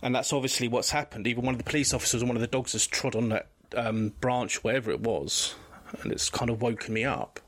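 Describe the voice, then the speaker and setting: A man's voice: mid-range voice, fast, few pauses, a bit bright. A man, a podcast guest telling a personal story candidly, rambling with frequent restarts. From England.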